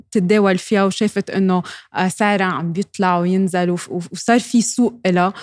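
A woman with a Levantine Arabic accent gives explanatory answers as an expert guest. She talks rapidly at an average pitch, mixing in English terms. The recording is very dry. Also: a little mellow, no room sound. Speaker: guest cryptocurrency trading expert and educator.

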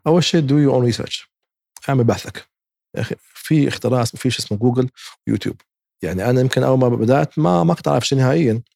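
A man's voice: mid-range voice, racing, creaky, a little mellow, no room sound, studio quality. A man, a guest giving emphatic investment advice in a casual interview and acting out what other people say.

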